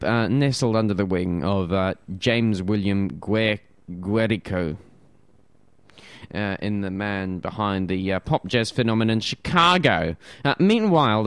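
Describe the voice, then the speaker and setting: A man's voice: fairly low pitch, a bit bright, clean tone, no echo. A man presenting music on radio, reading notes casually with self-deprecating asides and stumbles over names.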